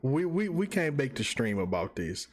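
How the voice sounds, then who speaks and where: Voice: mid-range voice, sing-song, moderate pace, slight background noise. A streamer reacting live in casual talk, laughing to the point of tears, exclamatory and disbelieving, breaking off mid-sentence.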